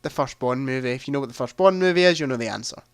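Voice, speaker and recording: A man's voice: mid-range voice, very fast, smooth, no room sound. A man hosting a live movie quiz stream, chatting casually, thinking aloud and making self-deprecating asides.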